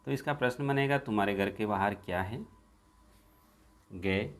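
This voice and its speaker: Low-voiced man teaching a workbook lesson. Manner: reads exercises aloud and gives each answer in turn; reads jumbled sentences slowly and with stress.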